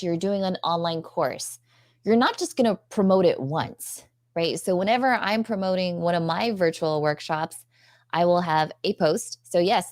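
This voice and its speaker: Upbeat woman podcast host, low-ish voice. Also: darkish tone, no room sound, clean studio sound. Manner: upbeat, leads with questions and examples. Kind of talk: casual podcast chat.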